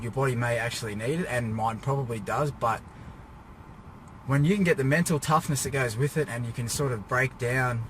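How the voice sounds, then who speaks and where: A man's voice: mid-range voice, fairly bright tone. Tired out guy doing a casual fitness rant, exhausted and drained, sitting in the car with some background hum. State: exhausted, drained after a workout. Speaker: fitness vlogger preparing for a bodybuilding show. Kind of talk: casual personal rant to camera. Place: inside a car. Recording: noisy car interior, vehicle ambience.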